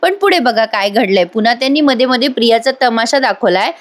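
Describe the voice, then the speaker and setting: A woman's voice: on the high side, animated, fast. A woman narrating a voice-over recap of a TV serial, chatting with her viewers and acting out the characters' lines. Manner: retells scenes and acts out each character's lines; chatty, addresses viewers directly. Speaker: TV serial reviewer.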